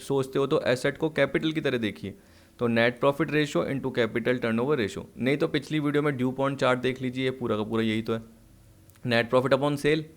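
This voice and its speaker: Breathy-voiced man teaching accounts. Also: mid-range voice. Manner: asks and answers his own questions, mixing English terms. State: short of breath at times. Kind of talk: solving exam questions on a lesson video.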